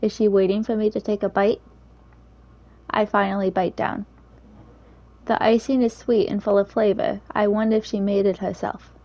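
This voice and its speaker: A woman reading a visual novel's narration aloud in a steady, even way. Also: mid-range voice, normal speed, pauses often, poor audio. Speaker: game reader.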